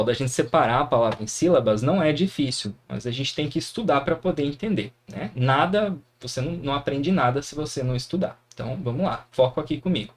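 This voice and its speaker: A man with a Brazilian Portuguese accent teaching a grammar lesson, encouraging and often checking in with his students. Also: mid-range voice. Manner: encouraging, frequent tag questions. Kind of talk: classroom lesson explaining grammar.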